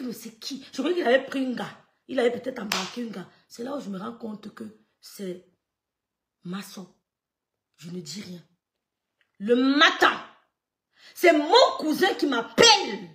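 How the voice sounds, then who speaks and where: Woman, higher voice, animated casual storyteller, roomy echo. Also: unhurried, pauses often. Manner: swings loud and soft, quotes others, stammers and laughs. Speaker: storyteller recounting gossip.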